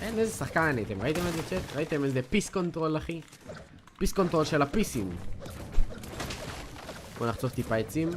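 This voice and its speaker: A man's voice: fairly high pitch, expressive, pauses often, noisy background. An eighteen-year-old man from Israel streaming a game live, boasting and trash-talking to his chat in a hyped, slangy way. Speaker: gaming streamer.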